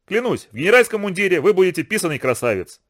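A man voicing a quick-witted working mother who teases and scolds, pitched a little above his own voice. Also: sing-song. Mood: coaxing. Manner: teasing, scolding.

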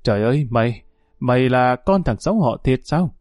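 A man's voice: mid-range voice, animated, moderate pace, darkish tone, no room sound, clean studio sound, lightly acted. A man doing a mournful old northern villager. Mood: overjoyed. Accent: Northern Vietnamese. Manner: sighing, mournful talk. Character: poor old northern man, weary and grieving.

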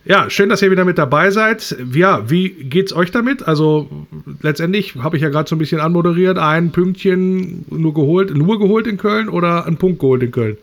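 Slightly high-voiced male podcast host. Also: normal speed, gravelly, few pauses. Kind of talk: conversational football podcast moderation.

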